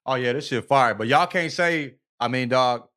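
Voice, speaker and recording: In a medium-pitched, fairly bright voice at a moderate pace, a man co-hosts a podcast, chatting casually and slangily about books. He's emphatic and repetitive, frequently checking understanding with "you know what I mean."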